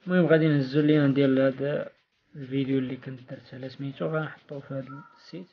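A man's voice: mid-range voice, level tone, racing, husky. A man with a Moroccan accent, hosting a casual, off-the-cuff giveaway announcement vlog for his channel. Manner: informal, off-the-cuff. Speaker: video channel host. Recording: dull, lo-fi sound.

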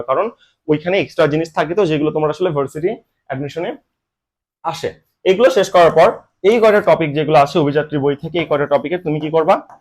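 A young man with a colloquial Bangladeshi Bengali accent, giving an online admission-coaching lecture in a brisk, teasing manner with rhetorical questions. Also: a little high, darkish tone.

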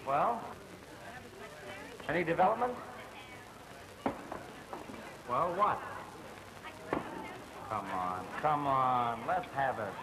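An actor playing an eager young male reporter in an early sound film, fast and effusive, laughing between his lines. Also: mid-range voice, big pitch swings. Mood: impatient. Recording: echoey early-1930s film soundtrack with hiss.

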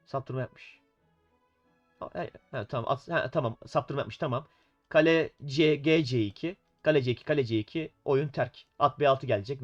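A man with a cold commenting on a chess game in a casual, playful way, giving the pieces voices. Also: medium pitch. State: has a cold. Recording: dull sound with faint music.

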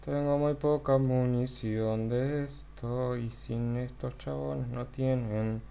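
Loud man streaming a game. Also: medium pitch, fairly even intonation, takes it slowly, creaky, muffled recording, slight background noise. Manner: loud outbursts and frequent swearing. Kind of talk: live gameplay commentary. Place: home, alone.

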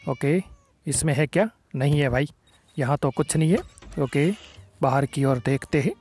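A young man talks through a game as host, excited and teasing, throwing playful taunts at the on-screen villain. His voice sits a little high, with light music playing underneath. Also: a little slow, husky. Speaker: gaming channel host. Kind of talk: gameplay commentary.

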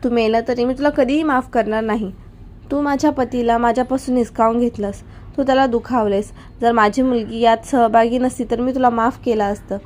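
A bitter widowed mother hurls accusations at her husband's killer, as a woman reading the story voices her. Her voice is warm-toned and fairly high, with a hard, accusing edge. It is part of a storybook narration. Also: fairly even intonation, a little fast, slight background noise, close to an everyday voice. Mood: angry. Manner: angry, accusing.

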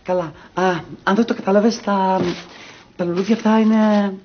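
A man's voice: high-pitched, fairly even intonation, a little hiss or hum, natural voice. An actor playing a clumsy lovesick man who talks hesitantly, mumbling with many fillers. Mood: mopey. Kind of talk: TV sketch comedy acting. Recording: dull TV broadcast sound.

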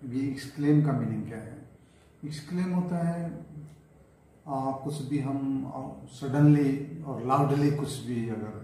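A man teaching English grammar in Hindi at a board. He explains slowly, repeats each word and keeps asking "right?" and "clear?". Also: mid-range voice, dark tone. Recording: echoey room, faint background hiss.

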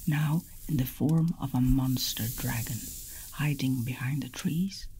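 A woman telling a bedtime folk tale as a whispered role-play, in a soft, unvoiced whisper. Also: extremely low pitch, unhurried, a little hiss or hum, poor audio. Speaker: ASMR storyteller.

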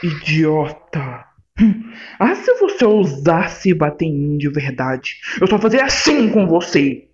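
This is a man bantering at home in a vlog, with a fairly high voice. He talks bluntly and throws out sharp retorts. The sound is dull and lo-fi. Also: very animated, takes it slowly. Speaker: vlogger, partner of the host.

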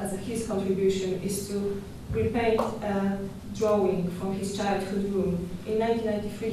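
A young woman curator giving a conference talk at a podium microphone in a dark lecture hall, measured and thoughtful with small hesitations and restarts. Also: mid-range voice, background noise. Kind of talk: conference presentation. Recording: echoey hall from far off.

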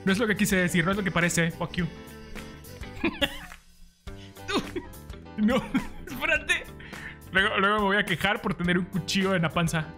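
A Mexican man commentating a horror game in his parents' house, joking, swearing and breaking into high yelps. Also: expressive, normal speed, pauses often, bright, forceful tone, faint music behind. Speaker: gaming youtuber. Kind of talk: let's-play commentary.

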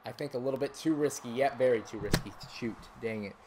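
A man streaming a football video game, calling plays and chatting with viewers, bursting into shouted calls on big moments. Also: medium pitch, fast, noisy background. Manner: chats with viewers between plays. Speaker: gaming streamer. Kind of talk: play-by-play game commentary.

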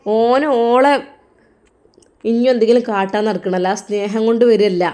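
A woman voicing a serious mother-in-law who delivers a measured warning on a phone call, with a Malappuram Malayalam accent, in an audio drama. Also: fairly high pitch, mellow, close to an everyday voice. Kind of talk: audio drama role-play.

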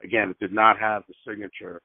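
A fairly low-pitched man talks over a landline phone line. The audio is narrow and tinny, with a dry sound and no room around it. He goes through details methodically, pausing on fillers and spelling out numbers slowly twice. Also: little pitch movement, breathy edge, dry recording. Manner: hesitant, frequent fillers. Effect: heard over a landline phone line. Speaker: caller. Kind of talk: phone call and voicemail message.

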